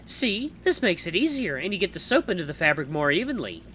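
A man's voice: sits high, sing-song, brisk, pushed and bright, a little hiss or hum, pitched above the performer's own voice, exaggerated voice. A man putting on a teasing beast-folk woman. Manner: dry, mocking. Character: teasing female beast-folk villager, wry and capable.

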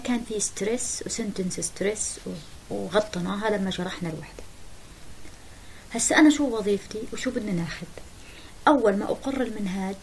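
Brisk woman teacher. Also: medium pitch, poor audio. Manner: brisk, explanatory, mixes English terms into Arabic. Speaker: English teacher. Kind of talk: exam-prep lesson. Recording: faint hiss.

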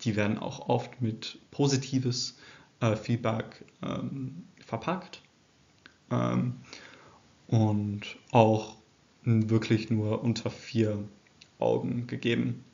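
A man's voice: medium pitch, level tone, slow, vocal fry, mellow, lo-fi sound. Hesitant young man lecturing over slides. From England. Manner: hesitant, many fillers and restarts. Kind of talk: recorded slide presentation. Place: indoor room.

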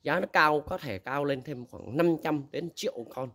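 A man's voice: fairly high pitch, normal speed, a bit bright. Male, candid used-machinery dealer; blunt, casual advice talk. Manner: blunt, candid, laughs often, acts out quoted dialogue.

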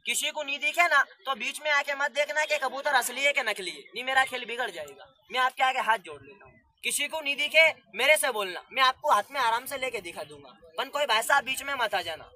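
A young man performing as a street magician, barking patter loudly at a gathered crowd outdoors. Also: extremely high pitch, expressive, a little fast. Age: young adult.

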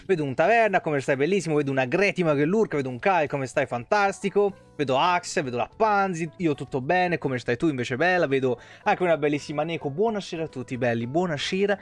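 Young Italian man, game streamer on a headset, sore throat, slightly high voice, loose and chatty with viewers, faint background music. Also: animated, fairly quick. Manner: chatty, greets viewers by name, swears freely. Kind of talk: casual live-stream chat.

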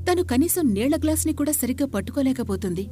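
A woman narrating a horror story in a measured, suspenseful way. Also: sits high, expressive, over music.

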